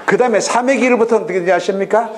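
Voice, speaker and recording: A middle-aged man giving a recorded lecture on real estate auctions, lively and full of rhetorical questions. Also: sits high, very fast, noisy background. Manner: lively, rhetorical questions, acts out regional voices.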